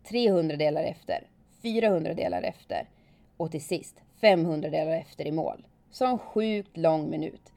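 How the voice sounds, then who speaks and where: A woman calmly narrating her own story in the first person, reflective and steady. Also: low-pitched. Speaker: former alpine skier telling her story.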